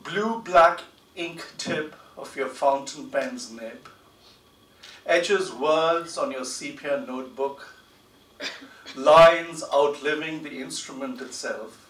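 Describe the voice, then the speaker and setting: A middle-aged man with a slightly high, slow, somewhat bright voice speaks and reads poetry at a public panel, where he appears as a poet, translator and book editor. He's in a large indoor lecture theatre using a desk gooseneck mic, and the recording sounds roomy and distant with faint noise.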